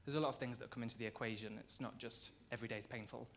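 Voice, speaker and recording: A man's voice: mid-range voice, fairly even intonation, very fast, vocal fry, fairly bright tone, a little hiss or hum. A male ballet dancer answering a question in an earnest, explanatory way in a rehearsal studio. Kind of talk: conversational Q&A answer.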